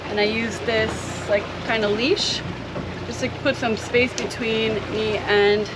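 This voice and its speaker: A woman in her thirties giving a relaxed, step-by-step how-to demonstration on an open boat, filmed with an action camera. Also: on the high side, takes it slowly. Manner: relaxed, step-by-step explaining with fillers like "like" and "so". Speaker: spearfishing vlogger. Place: open boat deck on the sea, outdoors. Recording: action camera with loud wind and sea noise. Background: loud wind and water noise.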